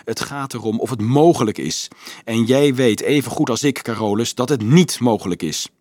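A man voicing a calm, dryly mocking young male student who argues reasonably. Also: medium pitch, normal speed, no echo, close to an everyday voice. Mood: reasoning. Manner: calm, dry, sometimes pleading.

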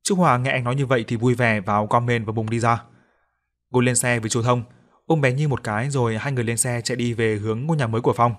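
A man's voice: medium pitch, steady tone, fast talker. A man steadily narrating a spooky story as a scripted audiobook reading.

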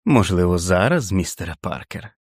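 A man voicing a cold, cruel male reverend who runs a boys' home, shouting commands in a shrill voice. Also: expressive, moderate pace, slightly rough, no echo, clean studio sound. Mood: coldly mocking.

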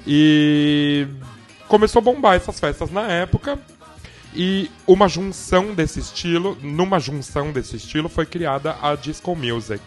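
A fairly high-voiced man co-hosts a loose radio chat, talking through a stuffy head cold. He sounds playful and laughs easily. Faint music plays underneath. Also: unhurried. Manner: playful, giggly, animated. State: has a cold. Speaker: podcast co-host.

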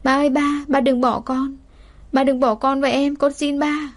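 A woman voicing a poor, gentle thirteen-year-old girl who talks politely and pleads through sobs. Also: fairly high pitch, fairly even intonation, brisk, close to an everyday voice. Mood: panicked sobbing. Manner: polite, pleading, sobbing cries.

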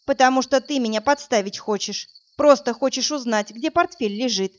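A woman's voice: on the high side, moderate pace, lo-fi sound, pitched above the performer's own voice, close to an everyday voice. A woman voicing a frightened but defiant young captive woman in a read-aloud crime story. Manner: pleading then sharp, tense.

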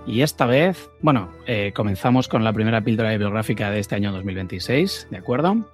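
A man with a Spanish accent hosting a podcast, relaxed and casual, with fillers. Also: on the low side, brisk, faint music behind. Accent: Spanish (Spain). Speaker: podcast host. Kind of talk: casual introduction.

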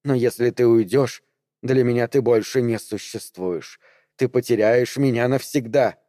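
A man's voice: medium pitch, steady tone, normal speed, mellow, dry recording, studio quality, natural voice. A man voicing a scheming, seductive woman who pleads, coaxes and wheedles in an audiobook reading. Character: seductive scheming woman, ageless former ruler of the house.

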